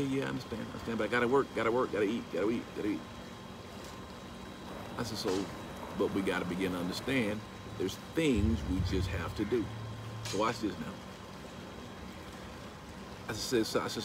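Beside a pool outside a house, a middle-aged man tells a story to his phone camera at arm's length, his fairly low voice quick but broken by frequent pauses. He is animated and rises into emphatic preaching when quoting scripture, in a casual vlog with preaching. Steady background noise fills the outdoor recording.

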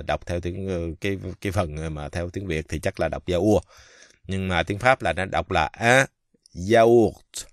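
Deep-voiced man teaching French pronunciation. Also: no echo, studio quality. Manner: slow, halting, many fillers, repeats French words drawn out. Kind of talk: casual pronunciation lesson.

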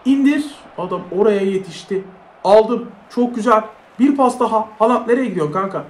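Young male gamer, very high voice, excitable play-by-play, echoey room. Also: normal speed. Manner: excitable, shouts at big plays, chats to viewers. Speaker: mobile football gamer. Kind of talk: live gameplay commentary.

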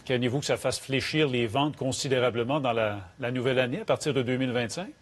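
Québécois male anchor, fifties, husky edge, direct probing questions. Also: medium pitch, quick pace. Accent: Québécois French. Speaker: news anchor. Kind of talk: TV news interviewing. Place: TV news studio.

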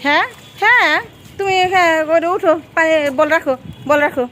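A vlogger with a very high voice talks fast as she coaxes a child beside the water, posing questions and offering gentle directions in a casual way. Slight background noise can be heard.

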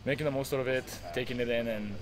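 A man's voice: mid-range voice, steady tone, quick pace, low-quality recording. A young man, a college tennis player, giving a casual post-match interview outdoors at night by the courts, earnest and full of fillers. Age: young adult.

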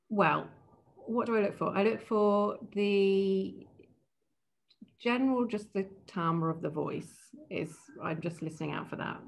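Speaking in a fairly low, gravelly voice, this woman appears as a guest on a video call interview about her work as an opera casting director. The conversation is casual, and she comes across as thoughtful, frequently starting her sentences over.

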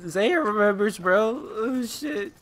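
A woman's voice: mid-range voice, animated, drawn-out words, a little hiss or hum. A woman streaming a game, chatting in slang and laughing hysterically into a headset. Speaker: gamer streaming live play. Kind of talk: casual game chat.

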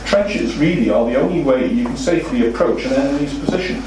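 A middle-aged man from Wales, with a Welsh accent, gives an illustrated seminar lecture to a seated audience, explaining steadily and tossing in rhetorical questions. His medium-pitched voice is lively, quick and a little mellow. A distant, unseen mic in a very echoey meeting room picks him up over a faint hum of room noise.

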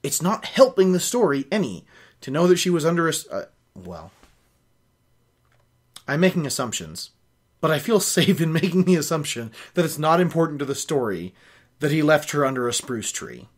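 A young adult man reads a novel aloud for his book-reading show, recorded indoors in a small home office, and keeps cutting in with fussy, opinionated commentary. He talks at a normal speed in a slightly high, sing-song voice.

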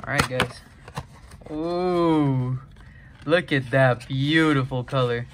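A young man talks his way through opening a box of trading cards, reading names one after another at an unhurried pace. He gets chatty and excited over the big pulls. A faint hum of room noise sits behind him. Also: mid-range voice. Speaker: card-breaking YouTuber. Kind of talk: casual card-opening vlog.

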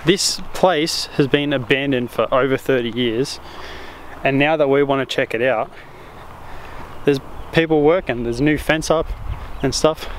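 A young man with an Australian accent talks loosely to a fisheye camera, full of ums and casual swearing. He's recorded inside a car and outside on a site, with steady noise of traffic and wind behind him. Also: medium pitch, a little slow. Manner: laid-back, rambling with fillers and swearing. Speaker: vlogger. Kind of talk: casual vlog chat. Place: car interior, then outdoors on a site. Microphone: action camera, fisheye. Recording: noisy car and outdoor ambience.

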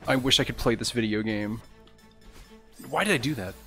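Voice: mid-range voice, normal speed, bright, forceful tone. A streamer chatting casually and swearing while playing a video game. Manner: swearing, joking, reacting to gameplay. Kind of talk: casual gaming chat. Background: faint game music.

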